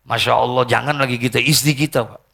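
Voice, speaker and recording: An older man with a Betawi Jakarta accent preaching a mosque sermon, telling stories and acting out the people in them, from soft asides to shouts. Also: medium pitch, steady tone, fast talker, gravelly. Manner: storytelling with acted voices, shifting from soft to shouting.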